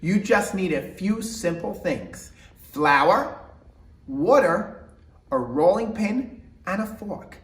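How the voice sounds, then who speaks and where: Man, children's host, lively varied intonation, exaggerated emphasis, instructional, indoor echo. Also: sits high. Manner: exaggerated, sing-song emphasis with drawn-out words. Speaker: children's show host and rabbi. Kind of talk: animated instructional presentation for children. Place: indoor room with mock bakery set.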